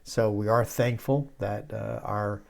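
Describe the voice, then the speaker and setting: Soft-spoken, gravelly low-voiced man. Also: steady tone, slow. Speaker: pastor, host of church conversation show. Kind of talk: casual church discussion.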